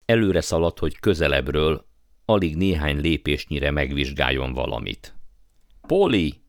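A man reading a story aloud as narrator, in measured storytelling manner. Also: very deep voice, fairly even intonation, no echo, clean studio sound. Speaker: audiobook narrator. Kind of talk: scripted narration.

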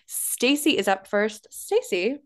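A woman co-hosting a casual podcast, animated and laughing, often mock-outraged. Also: fairly high pitch, slow pace. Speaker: podcast co-host.

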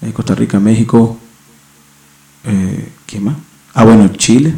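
A man's voice: on the low side, a little slow, mellow, roomy sound. A man from Venezuela with a Venezuelan accent, rambling slangily with profanity and restarts in a casual monologue as a podcast host on a home microphone. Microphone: home microphone setup.

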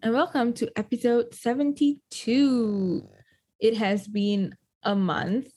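A young adult woman with a lisp hosting a podcast, chatting in a lively, expressive way with quick asides. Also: on the high side. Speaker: podcast host. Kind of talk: casual chat.

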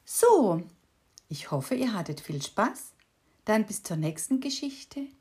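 A woman reads a children's story aloud at an unhurried pace. Her pitch moves up and down expressively as she tells it, and her delivery is calm and deliberate. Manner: slow, expressive read-aloud.

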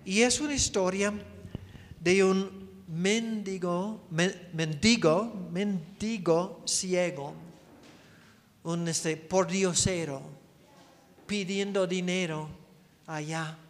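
A man with a high voice preaches a sermon at an unhurried pace, pausing often to tell a story. His words ring out in a church hall with a long reverb. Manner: slow, pausing, dramatic storytelling. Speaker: preacher, missionary.

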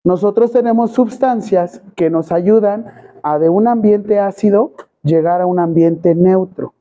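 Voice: medium pitch, measured pace, dark tone. A teacher with a Mexican Spanish accent gives a classroom lecture and keeps quizzing the students with questions. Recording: tinny phone-quality recording.

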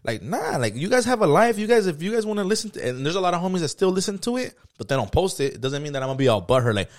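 A man, co-hosting a casual podcast chat, telling stories in a profane, slangy, animated way. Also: fairly high pitch, very fast. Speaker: podcast co-host.

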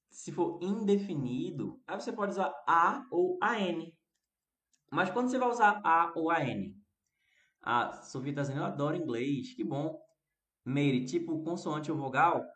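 A man's voice: on the high side, echoey room. A man with a Brazilian Portuguese accent, teaching English on a live stream, explaining step by step, repeating examples and answering viewer comments.

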